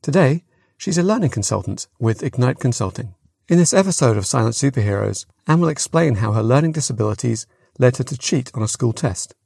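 A man's voice: mid-range voice, creaky, darkish tone, husky, no echo, clean studio sound. A man hosting an interview podcast, giving introductions and asking his guest questions. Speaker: podcast host.

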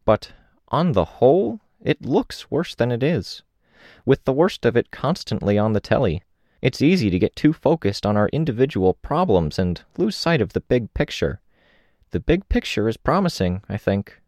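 Man voicing an old woman, raised pitch, rambling, confiding, dry. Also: very animated, normal speed, a little mellow, no echo. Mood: earnest. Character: chatty old woman on a train, earnest.

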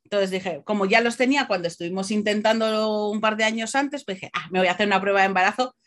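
Speaking rapidly at a medium pitch, a woman from Spain's Basque Country recounts personal stories casually on a podcast. She brings them to life with quoted lines of dialogue in a chatty, animated style.

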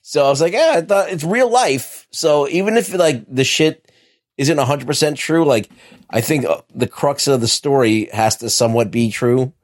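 A man's voice: medium pitch, moderate pace. A man with an American accent, co-hosting a podcast and rambling casually through a movie review. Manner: rambling, laid-back, profane. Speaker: podcast co-host. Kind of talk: casual chat.

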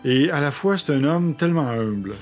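Measured co-host, slightly high. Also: male voice, soft background music. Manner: calm, reads a guest's CV carefully.

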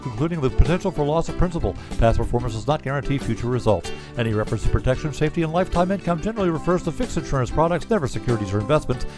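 A man reading a scripted legal disclaimer as an announcer, in a rapid fine-print manner. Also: mid-range voice.

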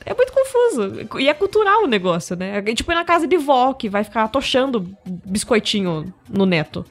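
A woman's voice: fairly high pitch, fairly quick. A Brazilian woman co-hosting a podcast, telling stories in casual chat and acting out the voices in them. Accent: Brazilian Portuguese. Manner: animated storyteller, acts out voices. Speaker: podcast co-host.

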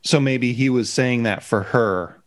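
A man's voice: medium pitch, unhurried. A man co-hosting a casual comic book podcast, dropping dry joking asides. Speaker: podcast co-host.

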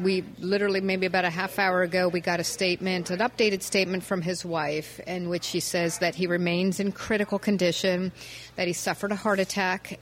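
A woman reporter co-hosting a political news podcast, calmly explaining background details in a casual chat. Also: on the low side, rough recording.

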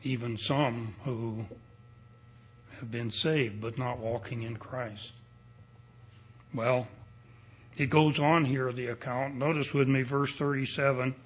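A male pastor preaching a sermon at a pulpit microphone, speaking in a deliberate, emphatic way and building up to strong declarations. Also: mid-range voice, steady tone, muffled recording, a little hiss or hum. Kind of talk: expository sermon. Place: church sanctuary.

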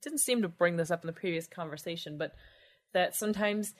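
Brief: woman podcast co-host, lowish voice, casual and wry. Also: brisk. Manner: chatty, wry, retells the plot. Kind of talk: casual chat.

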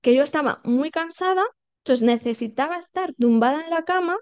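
A woman, telling her birth story as a podcast guest, animated and acting out quoted dialogue with many fillers. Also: sits high, brisk, no echo. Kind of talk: personal birth story told in conversation.

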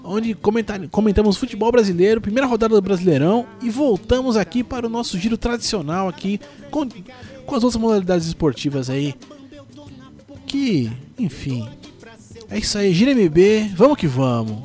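Faint music plays as a flu-stricken man, congested from his cold, hosts a casual sports news chat in São Paulo Brazilian Portuguese. His high-pitched, dark voice has lively intonation at normal speed, and his delivery is rambling, slangy, and self-deprecating.

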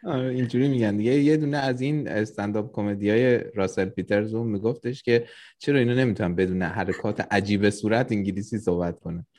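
A man's voice: on the low side, steady tone, darkish tone. A man co-hosting a casual conversation in an easygoing, chatty way. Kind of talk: casual chat.

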